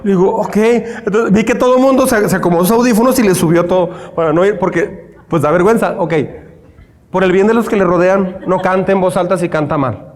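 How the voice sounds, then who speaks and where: A man's voice: sits high, a little fast, in a large hall. A Mexican man preaching a sermon as pastor, telling humorous stories and repeating phrases for emphasis. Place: church.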